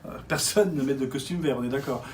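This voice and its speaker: A man's voice: mid-range voice, quick pace, a little hiss or hum. A man co-hosting a casual shop video about new manga, teasing and joking with his partner. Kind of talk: casual chat presenting new manga releases. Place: shop indoors.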